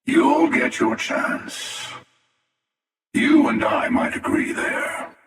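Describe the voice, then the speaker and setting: An actor playing a menacing, arrogant, world-weary hunter villain in a video game, with a gravelly voice and a deliberate, sardonic delivery. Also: male voice, very high voice, a bit bright, heavily acted. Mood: grim, world-weary. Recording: echoey, long reverb, distant.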